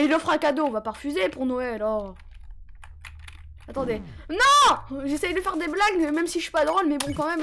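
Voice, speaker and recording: A woman with a very high, light voice chats with her live audience through a headset while she plays. She jokes around, teases and lets out sudden excited yelps. Faint keyboard clicks sit under her talk. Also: a little hiss or hum. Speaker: streamer. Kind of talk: casual live-stream chat while gaming.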